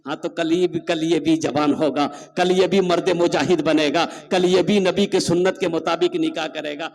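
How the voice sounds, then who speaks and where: A man giving a humorous sermon at a public gathering. He swings between loud exhortation and low asides, and quotes dialogue in changed voices. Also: fairly even intonation, moderate pace. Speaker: preacher.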